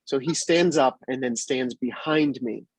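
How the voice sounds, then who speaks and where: Male guest, husky, animated storyteller; dry close recording. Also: medium pitch, unhurried, no echo. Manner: animated retelling, acts out quotes. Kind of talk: casual storytelling.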